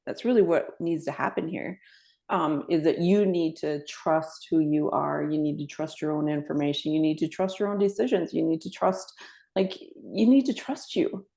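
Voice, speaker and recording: A woman with a deep, gravelly voice co-hosts a casual podcast. She talks earnestly about teaching people to trust themselves, restarting her sentences often as she works out her thoughts. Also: normal speed, mellow. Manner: earnest, with frequent fillers and restarts. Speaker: podcast co-host and former medium. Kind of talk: casual conversation.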